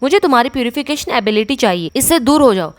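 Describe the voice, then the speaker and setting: A woman doing a gruff, impatient demon lord. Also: high-pitched, animated, fast talker. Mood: commanding. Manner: threatening, impatient. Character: gruff male demon lord, short-tempered.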